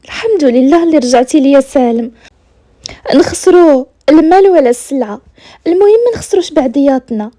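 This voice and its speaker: A devoted, forgiving Moroccan wife in a bedtime folk tale, voiced by a woman storyteller. She speaks high and fairly fast, in a very mellow tone. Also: lively intonation, dry recording. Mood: tender, relieved.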